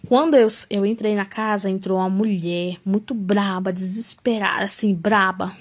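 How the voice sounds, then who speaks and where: A young woman telling her own life story, emotional and halting, often restarting her sentences. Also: medium pitch, steady tone. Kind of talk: personal life testimony.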